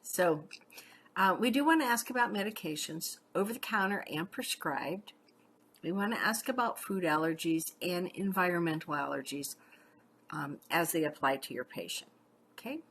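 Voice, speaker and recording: Woman, middle-aged, paramedic educator; lowish pitch, conversational lecture with personal asides, light background noise. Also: expressive, normal speed, fairly bright tone. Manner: chatty, uses "okay?" checks and personal stories. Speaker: paramedic instructor. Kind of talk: casual teaching lecture.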